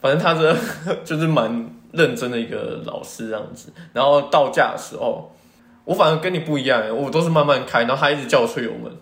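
A man's voice: mid-range voice, a little fast, vocal fry, fairly bright tone. A young man with a Taiwanese accent chatting casually, his articulation a little slurred because he is wearing a retainer. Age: young adult. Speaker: podcast co-host. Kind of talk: casual chat. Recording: roomy, echoing indoor sound.

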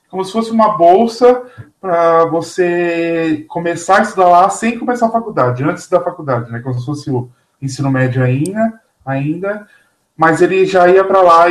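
A Brazilian man gossiping casually about TV series in a campy, slangy way. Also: on the high side. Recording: roomy, echoey voice pickup.

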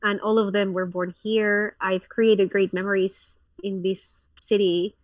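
A woman's voice: mid-range voice, level tone, measured pace, dry recording, recorded from a distance. A woman in her thirties from Colombia, a pastor, talking frankly as a guest in a casual interview, with lots of fillers and restarts.

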